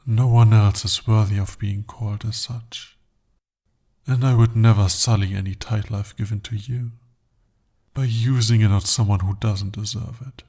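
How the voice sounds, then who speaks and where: In an ASMR roleplay, a man voices a devoted, possessive male demon with a tender, devoted mood. His lowish voice is mellow and slightly rough, with vocal fry and a steady tone. He addresses the listener formally and intimately, speaking slowly.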